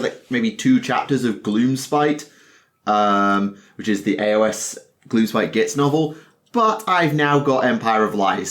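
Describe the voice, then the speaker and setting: A man's voice: mid-range voice, fairly bright tone. A man chatting casually on a podcast panel, rambling and self-deprecating, swearing now and then. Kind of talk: casual chat.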